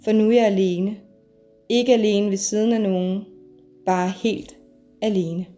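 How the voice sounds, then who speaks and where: Mom reading her own story out loud, slow and heavy, mellow dark voice, soft guitar playing under it. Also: mid-range voice, fairly even intonation. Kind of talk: scripted first-person narration. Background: soft guitar music.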